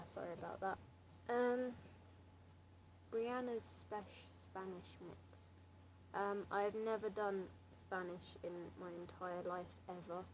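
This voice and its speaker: A woman's voice: mid-range voice, darkish tone. Teen girl w southern english accent rambling to camera, kinda unsure and self-mocking, noisy home recording. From Slough, England. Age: late teens, seventeen. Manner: hesitant, self-deprecating, wry. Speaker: amateur vlogger answering a challenge. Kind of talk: casual rambling chat to camera.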